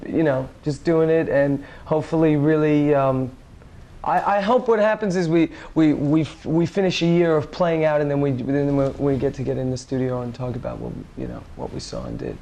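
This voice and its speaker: A man's voice: on the high side, lively intonation, moderate pace, mellow, slight background noise. A man with a New York accent, a rock band member, answering interview questions in a loose, rambling way full of fillers. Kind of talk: casual interview chat.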